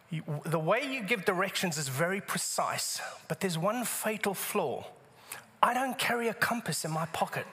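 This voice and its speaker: In a big, echoing hall, a British man preaches to his congregation in a high, pushed, bright voice. His style is humorous storytelling, wry and self-deprecating.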